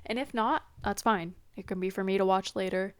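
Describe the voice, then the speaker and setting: Speaking briskly in a smooth mid-range voice, a young podcast host rambles through her first episode, scattered and self-critical, with a stuffy nose. She uses her laptop's built-in mic, and the recording is dry.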